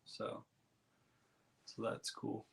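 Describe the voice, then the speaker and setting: A man hosting a casual live stream, chatting in a relaxed, rambling way and reading viewers' comments aloud. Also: extremely slow.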